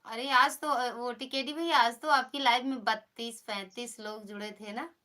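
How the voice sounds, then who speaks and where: A woman's voice: a little high, steady tone, moderate pace, pushed and bright. A woman with an Awadhi accent, hosting a casual live stream and chatting teasingly with her viewers. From Pratapgarh, Uttar Pradesh.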